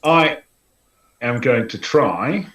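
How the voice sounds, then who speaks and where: Player: man, slow and animated, roomy echo on the mic. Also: mid-range voice, background noise. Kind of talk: casual chat at a tabletop game.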